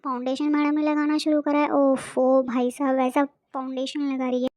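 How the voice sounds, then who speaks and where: A woman's voice: high voice, level tone, fairly quick, a little mellow. A young woman giving a sarcastic, exasperated comic voice-over about a beauty visit. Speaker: beauty vlogger.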